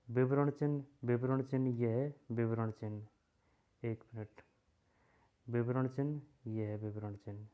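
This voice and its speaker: A man's voice: medium pitch, narrow, tinny audio. A man teaching an exam-prep grammar lesson in a casual way, repeating himself as he points things out. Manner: casual, repeats himself while writing on a board.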